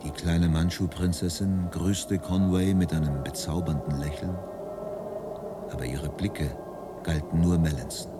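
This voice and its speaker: A man narrates a radio play in a low voice with fairly even intonation, heard over clear music. His reading is sober, composed and measured, like scripted literary narration.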